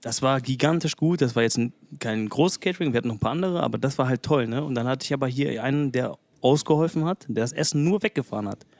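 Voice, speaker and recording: Thirties male host, gravelly, dry close sound, chatty. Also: mid-range voice, quick pace, hardly any pauses, darkish tone, no echo. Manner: chatty, frequent tag "ne?". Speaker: podcast host and chef. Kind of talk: casual podcast chat.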